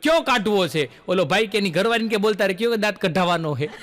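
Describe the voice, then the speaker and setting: A man's voice: high-pitched, expressive, fast talker, heavy background noise. A man telling stand-up jokes, a folksy storyteller who acts out the people in his stories. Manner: folksy storyteller acting out quoted characters. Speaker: comedian. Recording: long hall reverb.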